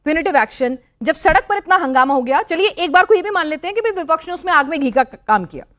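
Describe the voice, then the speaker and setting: Firm high-voiced woman news anchor. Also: animated, fast, fairly bright tone. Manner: firm, interrupts to keep order. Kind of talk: moderating a TV debate.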